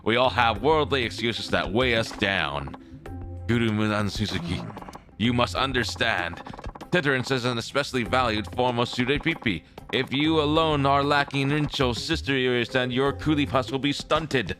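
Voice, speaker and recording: A man's voice: mid-range voice, moderate pace, lightly acted. A man voicing a grand, sanctimonious male cult preacher in a video game, with a pompous, flowery delivery. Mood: sermonizing. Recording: game music playing underneath.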